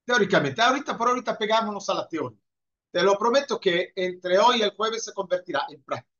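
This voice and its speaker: Guy teaching italian online, kinda high voice, patient, keeps saying bravissima, muffled call audio. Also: expressive, fast, fairly bright tone. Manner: patient, encouraging, repeats praise. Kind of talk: online class Q&A. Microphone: video call.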